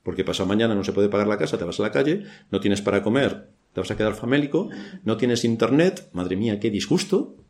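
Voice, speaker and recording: A man's voice: on the low side, animated, fast talker, darkish tone. A man from Spain with a Spanish accent preaching a church sermon, asking rhetorical questions and adding dry ironic asides.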